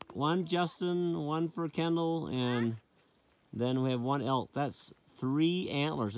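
A man films a family camping vlog outdoors on a wooded mountainside with a handheld camera, narrating casually and frequently marveling aloud. His voice is a little high, and the poor audio carries some hiss or hum.

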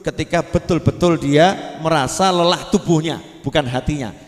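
A man's voice: fairly high pitch, moderate pace. A man preaching a sermon at a religious gathering, playfully quizzing his audience. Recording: echoey hall.

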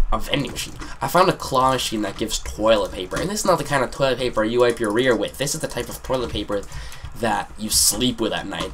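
A teenage boy telling a rambling, sarcastic storytime over his gameplay, with sudden excited yelps. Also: mid-range voice, a little hiss or hum. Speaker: gaming commentator. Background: keyboard clicks and typing.

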